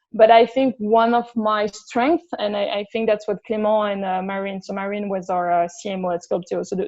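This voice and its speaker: A woman's voice: mid-range voice, lo-fi sound. Woman with a French accent, candid. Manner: candid, thinks aloud with frequent restarts. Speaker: interview guest. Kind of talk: casual conversational interview.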